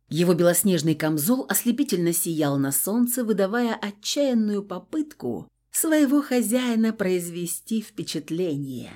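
A woman's voice: lowish voice, darkish tone. A woman narrating a first-person audiobook in a wry, ironic way.

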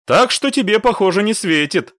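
A man's voice: high voice, animated, moderate pace, a bit bright, no room sound, studio quality, pitched above the performer's own voice. A man voicing a cocky, mocking young male soldier in an audiobook. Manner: teasing, smirking.

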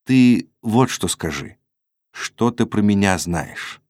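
A man's voice: on the low side, lively intonation, slow, darkish tone, no room sound, clean studio sound. A male narrator voicing a gloomy, restless young man who questions and pleads earnestly in an audiobook. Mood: brooding. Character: brooding troubled young merchant man.

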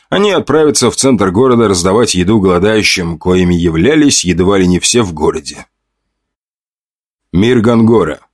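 A man narrates a first-person audiobook in a coarse, mocking tone laced with slang. His voice is low yet moves around lively in pitch. It is recorded close and dry, with no room sound. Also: no echo.

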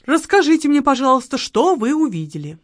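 A woman voicing a shrewd, calm male investigator who questions firmly and patiently. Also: sits high, brisk, dry recording, studio quality, voice pushed up. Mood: calm questioning.

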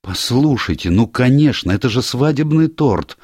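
A man reading an audiobook voices a young woman caught off guard, her lines lifted higher than his own deep voice. The delivery is dry and close to the mic, quick and exclamatory. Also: lively intonation, darkish tone, no room sound. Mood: urgent. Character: Susan Banks, composed young woman.

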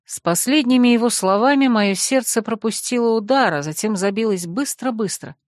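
A woman narrating a fantasy audiobook in first person, with a wry, lively storytelling manner. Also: on the high side, normal speed, no echo, clean studio sound.

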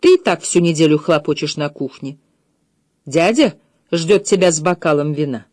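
A woman reading the lines of a hurried, apologetic young woman in an audiobook. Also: low-pitched, darkish tone, no echo, clean studio sound. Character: young woman, contrite sister.

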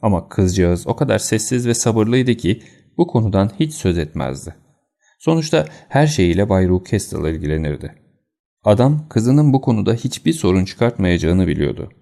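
A man narrates an audiobook in a steady, even manner. His voice sits very low, with a dark, mellow tone. A gravelly creak runs through it. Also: normal speed. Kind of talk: scripted narration.

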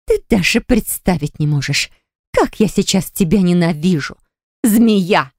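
A woman's voice: very animated, normal speed, a little mellow, no echo, clean studio sound. A woman reading an audiobook and voicing a haughty, hysterical dragon woman who snarls and shrieks at her brother's mate. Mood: hysterical fury. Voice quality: shrill, hissing and snarling.

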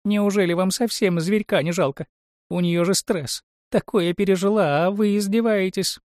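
A man voicing a tearful young mermaid who whines and pleads, raising his voice high. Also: normal speed, a little mellow, dry recording, clean studio sound, lightly acted. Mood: whiny. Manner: whiny, pleading.

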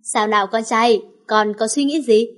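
A woman's voice: fairly high pitch, moderate pace, natural voice. A woman reading the lines of a scheming, mocking old male villain in a storybook. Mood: taunting. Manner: taunting, cold.

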